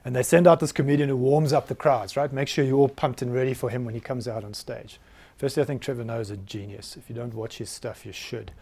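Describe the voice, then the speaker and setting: A South African man in his late forties speaks to a roomful of people at a medium pitch. He talks in a candid, self-mocking way and with plenty of energy. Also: steady tone, fast talker, a little mellow, husky. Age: 40s. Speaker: business founder giving a talk. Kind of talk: live presentation to an audience. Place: meeting room with audience.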